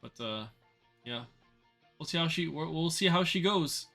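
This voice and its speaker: A man's voice: fairly high pitch, expressive, measured pace, vocal fry, sharp tone, faint music behind. A man hosting a casual trading livestream, chatting loosely and answering viewers with fillers and repeated words. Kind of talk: casual livestream market commentary.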